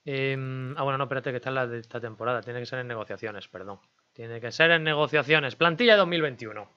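Male gaming host, chatty self-talk over gameplay, crisp slightly dull mic. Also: fairly high pitch, pushed and bright. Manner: chatty, talks to himself and viewers while negotiating. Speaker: gaming YouTuber. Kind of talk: casual game commentary.

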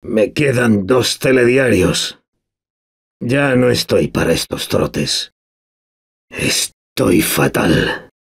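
Old war veteran, gruff, sardonic, cursing, game voice, lively pitch, slow. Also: male voice, full character voice. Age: older. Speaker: game character. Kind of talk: video game voice lines.

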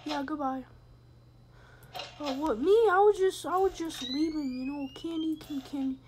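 A woman's voice: sits high, steady tone, normal speed, slight background noise. A woman playing a horror game and commenting in a jokey, rambling way, sometimes dropping to a whisper. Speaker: gamer. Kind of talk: let's play commentary.

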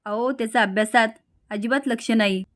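A woman's voice: a little high, steady tone, brisk, natural voice. A woman narrator voicing an anxious mother who scolds and fusses over her son in a storytelling recap. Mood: fussing. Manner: fussing, scolding.

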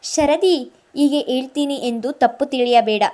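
A woman reading a gentle worried young man. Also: high voice, measured pace. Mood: tender, worried.

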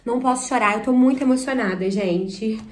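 High, breathless Brazilian woman vlogging. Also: fairly quick, very noisy. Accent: Brazilian Portuguese. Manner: breathless, nervous, near tears. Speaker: YouTuber and performer. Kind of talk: excited unboxing vlog. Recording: echoey room.

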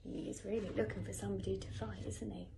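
Sitting on a living room sofa at home, a teacher likely in her thirties tells a picture-book story to young children with lively expression, stopping to ask them questions. Her medium-pitched voice has vocal fry and a quick pace. She's captured by a phone camera a short way off, with slight background noise.

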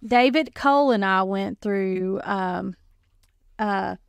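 Woman, help center director, smooth clear voice, dry close sound, playful teller. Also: medium pitch, takes it slowly, no room sound. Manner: playful, self-mocking storyteller. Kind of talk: casual chat.

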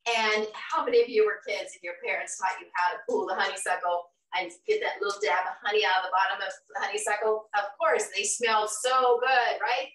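A woman's voice: mid-range voice, fairly even intonation, a little fast, few pauses, slight background noise. A middle-aged woman hosting a live online show from a large kitchen, bubbly and addressing her viewers. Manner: bright, bubbly, audience-engaging. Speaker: host. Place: large home kitchen, indoors. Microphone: camera across the room. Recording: roomy sound from a distant camera mic.

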